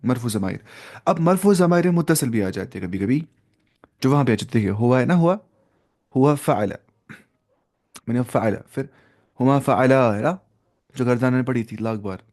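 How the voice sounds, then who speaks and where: A man's voice: medium pitch, expressive, normal speed, pauses often, darkish tone. A man teaching Arabic grammar in Hindi, drilling word lists and correcting himself as he goes. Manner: opens with an Arabic prayer. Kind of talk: grammar lesson explained in Hindi.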